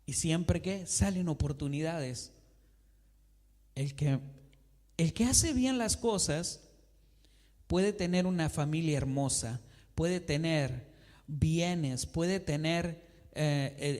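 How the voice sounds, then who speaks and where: With a slightly high, somewhat mellow voice, a pastor delivers a church sermon, posing questions to the congregation, answering them himself, and dramatizing exchanges between a believer and God. A church hall's long reverb surrounds him.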